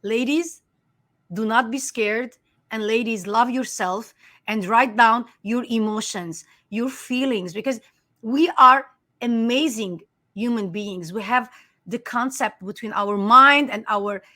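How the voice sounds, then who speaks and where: Speaking slowly in a conversational interview, an author and life coach whose first language is Armenian is earnest and emphatic, with many restarts. Her voice is a little high, pushed and bright.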